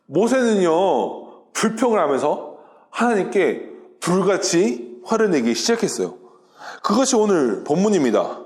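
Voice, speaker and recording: A man, a youth minister, giving a lively children's sermon and speaking directly to the kids as he tells the story. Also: high-pitched, unhurried. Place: church room. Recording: roomy echo.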